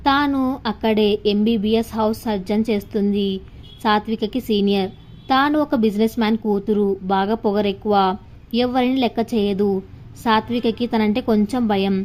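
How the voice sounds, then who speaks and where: A woman narrating a scripted story in a steady, descriptive way. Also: medium pitch, moderate pace.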